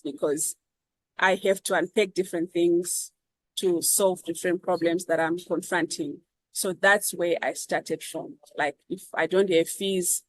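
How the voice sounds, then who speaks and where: Zimbabwean woman guest, earnest, fairly low-pitched, unhurried with frequent fillers. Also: no room sound, poor audio. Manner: earnest, measured, many ums and repeats. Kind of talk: reflective interview answers.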